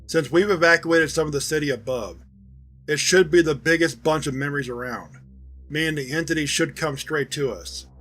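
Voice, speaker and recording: A man's voice: a little high, normal speed, fairly bright tone, slight background noise, lightly acted. A man voicing a terse male leader of a covert security team, reading a dramatized audio log with clipped commands.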